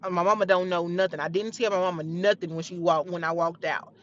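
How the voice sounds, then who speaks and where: A woman's voice: lowish voice, flat delivery, fast talker, lo-fi sound, slight background noise. A young woman telling a heated personal story in a blunt, profane, casual way.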